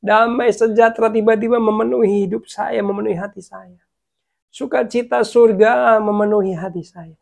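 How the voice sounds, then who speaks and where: A man preaching a casual devotional sermon, chatting with listeners as "guys", sometimes dropping to a soft hush and sometimes urging them louder. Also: high-pitched, steady tone, normal speed, gravelly. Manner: chatty, addresses listeners as "guys", mixes in English words; swings between soft, hushed passages and louder urging.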